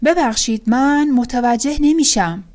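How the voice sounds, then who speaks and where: A woman teaching English phrases with translations, saying each phrase and then repeating it slowly and carefully. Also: on the high side, darkish tone. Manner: clear, careful pronunciation, drawing out words on repetition. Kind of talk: language lesson, reading phrases then repeating them slowly.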